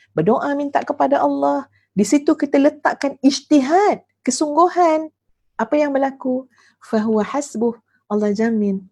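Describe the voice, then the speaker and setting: A Malaysian woman delivers a religious lecture in a fairly high voice with a mellow, warm tone. She talks expressively, leaning into phrases and swinging her pitch up and down to show how things should be said. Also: vocal fry. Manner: expressive, acts out intonations with big pitch swings. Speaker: religious teacher.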